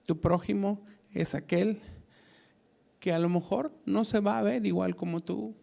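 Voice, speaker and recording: A man delivers a Bible study sermon as a pastor. His delivery is slow and emphatic, full of deliberate pauses. His voice is gravelly and mellow, set a little high for a man. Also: fairly even intonation.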